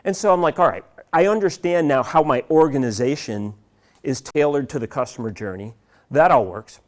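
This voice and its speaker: A middle-aged man giving a live seminar talk, telling a story in an animated way and acting out what his colleagues said. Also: a little high, normal speed. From United States. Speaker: seminar speaker.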